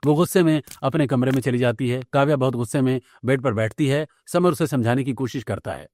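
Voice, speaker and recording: A man narrating a cartoon story in a steady, plain scripted style. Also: medium pitch, a little fast.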